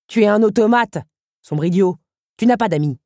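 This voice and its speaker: A woman's voice: mid-range voice, big pitch swings, normal speed, warm tone, dry recording, studio quality, pitched above the performer's own voice. A woman voicing a cruel male automaton musician in an audiobook, sneering and taunting. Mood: mocking. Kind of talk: audiobook character reading.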